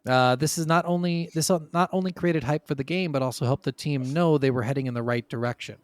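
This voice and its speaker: In studio-quality audio with no room sound, a man hosts a gaming podcast and talks fast. His voice is a little high, and he tells his video game stories conversationally, swearing freely.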